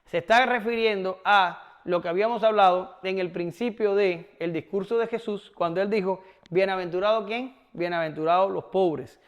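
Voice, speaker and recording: A man teaching a Bible study class, lively and questioning his listeners directly. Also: high voice, moderate pace, few pauses, clean tone, lo-fi sound. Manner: animated, rhetorical questions to the class. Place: classroom with whiteboard.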